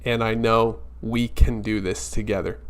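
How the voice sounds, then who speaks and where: A man's voice: lowish voice, little pitch movement, measured pace, clean tone. A man hosting a weekly live stream, talking casually and earnestly, reassuring viewers directly.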